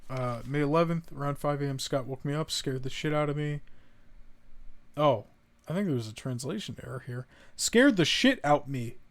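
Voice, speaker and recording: Speaking a little fast at medium pitch, a man plays a horror game on stream. He's jumpy, cursing at scares, reading notes from the game aloud, and chuckling at the darker passages while chatting casually.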